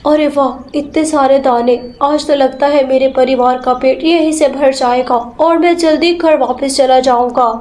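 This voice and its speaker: A woman's voice: high-pitched, steady tone, measured pace, few pauses, a little mellow. A woman voicing a male sparrow who laments in pain as he dies, in a storybook tale. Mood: cheerful. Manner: pained, gasping laments. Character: dying male sparrow father, anguished. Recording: roomy echo.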